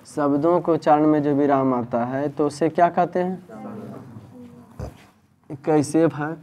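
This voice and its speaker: Speaking unhurriedly in a slightly high, dark-toned voice with fairly even intonation, a man runs a grammar lesson in a tuition classroom. He drills the students by asking the same questions again and again, and a little hiss or hum can be heard.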